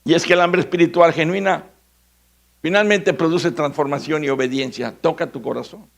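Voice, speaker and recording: A Mexican pastor preaching with a high, gravelly voice. He is dramatic and theatrical, acting out the voices of biblical figures and swinging between loud cries and near whispers. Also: fairly even intonation, moderate pace. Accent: Mexican Spanish. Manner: dramatic, acts out biblical voices, shifts from shouting to hushed. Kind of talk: sermon.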